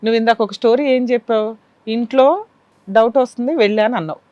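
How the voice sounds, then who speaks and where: Quick cross-examining woman advocate. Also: a little high, darkish tone, dry recording, lo-fi sound. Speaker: advocate counsellor. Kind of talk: probing questions on a talk show.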